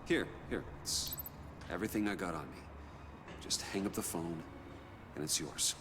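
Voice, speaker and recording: An actor playing a calm, reserved wealthy man who speaks low and measured in a video game. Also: noisy background, lightly acted. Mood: persuading. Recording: game audio with reverb and music.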